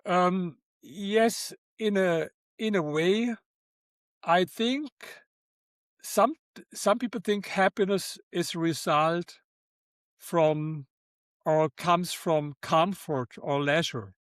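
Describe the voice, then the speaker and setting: Older german guy with accent, kinda high voice, dry sound, keeps repeating words. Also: dry recording. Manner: halting, repeats words, non-native phrasing. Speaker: guest author. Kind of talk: interview conversation.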